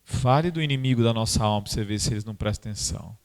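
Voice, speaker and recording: Animated Brazilian man telling stories. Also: racing. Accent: Brazilian Portuguese. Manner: animated, conversational, pitch swinging widely, frequent tag questions. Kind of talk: informal talk with storytelling.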